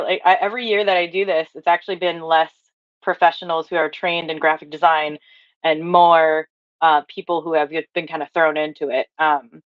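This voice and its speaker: A woman's voice: on the low side, no room sound. A woman in her thirties from Hawaii, giving an upbeat online training from a home office and reading out replies from the chat, with many fillers along the way. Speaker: workshop trainer. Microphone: webcam or laptop mic on a video call. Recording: dry, dull lo-fi video call audio.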